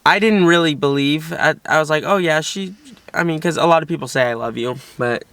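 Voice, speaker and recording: Young man, vlog chat, bright tone, smooth clear voice, rambling casual delivery. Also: on the high side, fairly quick, dry recording. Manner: chatty, nervous-sounding recounting, frequent "like". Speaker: vlogger, boyfriend.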